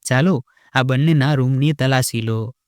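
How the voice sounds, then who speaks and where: A man voicing an arrogant, scornful rich young wife who taunts and shouts in a sharp voice. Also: mid-range voice, measured pace, clear, resonant tone, dry recording, clean studio sound, lightly acted. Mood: contemptuous.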